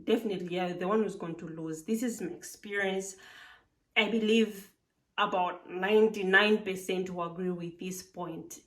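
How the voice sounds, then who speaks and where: A woman's voice: fairly low pitch, far from the mic. A woman from Zambia, giving chatty advice in a casual vlog and filling her talk with "like". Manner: chatty, frequent "like" fillers, emphatic. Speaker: vlogger living abroad.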